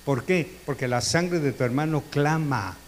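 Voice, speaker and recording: A man preaching a sermon as pastor, animated, with emphatic questions put to the congregation. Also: a little high, measured pace. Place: church sanctuary. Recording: long church reverb, faint hum.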